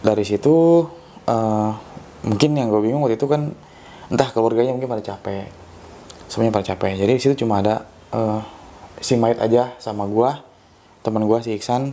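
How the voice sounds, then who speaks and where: A young man with telling a ghost story in a casual, loose way, often pausing with hesitations. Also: lowish voice, fairly even intonation, vocal fry, mellow, a little hiss or hum. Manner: loose and rambling, with frequent hesitations. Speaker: guest storyteller.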